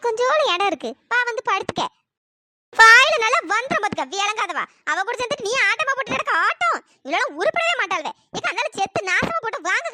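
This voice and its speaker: A woman doing a shrill, wailing village mourner. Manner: wailing lament, then sharp scolding. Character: loud middle-aged village woman mourner turned scold. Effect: pitch-shifted voice. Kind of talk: cartoon voice acting. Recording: noisy pitch-shifted recording.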